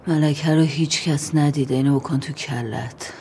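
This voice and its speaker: An actress playing a distraught young woman on morphine, who fires back sharp, defiant retorts. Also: low-pitched, fairly even intonation, a little hiss or hum.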